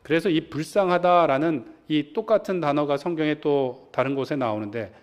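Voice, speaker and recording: Male pastor, fairly high voice, sermon with questions thrown to the pews. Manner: asks the congregation questions and acts out quoted lines. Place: church sanctuary.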